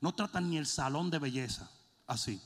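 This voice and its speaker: A man preaching a sermon, joking and shouting in turns. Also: on the high side, normal speed. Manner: animated, jokey, swings between shouting and mimicking. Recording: long hall reverb.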